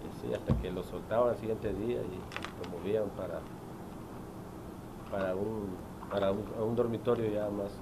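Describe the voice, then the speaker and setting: A man's voice: on the low side, steady tone, normal speed, vocal fry. A man from Honduras giving personal testimony at a press conference, hesitant and repeating words. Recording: noisy press room audio.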